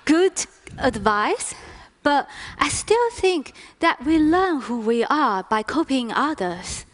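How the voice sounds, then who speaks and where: Slow, lively-voiced woman on stage. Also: high-pitched. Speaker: stage performer. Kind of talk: staged talk performance.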